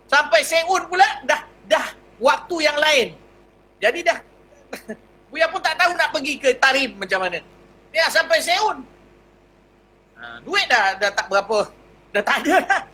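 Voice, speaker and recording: Bright, high-voiced Malaysian Malay preacher. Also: male voice, a little hiss or hum, poor audio. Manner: lively anecdotal telling, acts out dialogue, chuckles. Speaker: religious teacher. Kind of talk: storytelling religious lecture.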